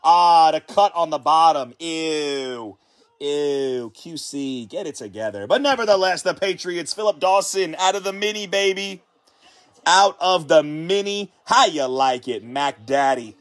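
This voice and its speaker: A man hosting a live sports card break, hyped and chatty, calling out each card as he pulls it and hyping the viewers. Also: on the high side. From United States. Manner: hyped, repetitive catchphrases, rapid card call-outs.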